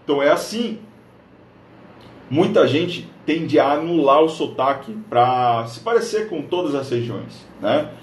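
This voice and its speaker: A fairly high-voiced man hosts a live stream and coaches his viewers, upbeat and direct, looking right into the camera. His voice rings around an echoey room, picked up by a camera mic. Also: animated, measured pace, slight background noise. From northern Paraná, Brazil. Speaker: live stream host and social media coach.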